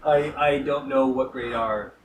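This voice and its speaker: A man's voice: medium pitch, fairly even intonation, measured pace, slight background noise, lightly acted. An actor playing a flustered male TV interviewer who stammers through his questions. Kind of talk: mockumentary interview.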